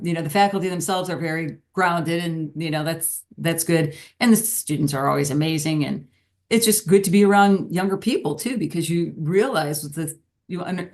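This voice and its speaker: A woman's voice: low voice, a little mellow. A middle-aged woman, a business professor and podcast guest, talking in a casual, rambling way and often breaking into laughs. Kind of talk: casual interview conversation.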